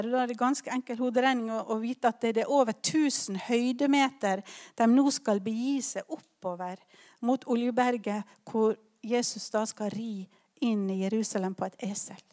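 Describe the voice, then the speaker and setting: Woman giving a sermon, fairly high voice, chatty storytelling with asides and ums. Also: darkish tone. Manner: conversational, with personal asides and fillers. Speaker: preacher. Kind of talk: sermon retelling a Bible story.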